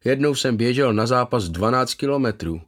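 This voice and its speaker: A man voicing a gentle, contented former footballer in his fifties, who talks eagerly and proudly about his past. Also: mid-range voice, animated, lightly acted. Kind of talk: voiced character in a read story.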